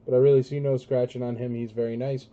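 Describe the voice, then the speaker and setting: A man's voice: medium pitch, little pitch movement, quick pace, warm tone, highs cut off. A man working as an auctioneer on a live sale, talking in informal patter with emphatic calls. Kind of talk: auctioneer running a casual live collectibles sale.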